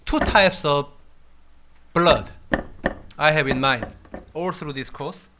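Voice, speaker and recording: A man in his fifties with a Korean accent lectures a class, his voice sitting a little high for a man. He talks slowly and haltingly, with many pauses and fillers as he thinks aloud. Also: noisy background. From South Korea. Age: 50s. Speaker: university lecturer.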